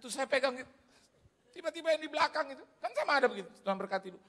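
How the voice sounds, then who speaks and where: Lively high-pitched preacher in a reverberant hall. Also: male voice, racing. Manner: animated storyteller who acts out the people in his anecdotes. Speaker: pastor. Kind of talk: humorous sermon storytelling. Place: large church hall. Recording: church hall reverb, faint background noise.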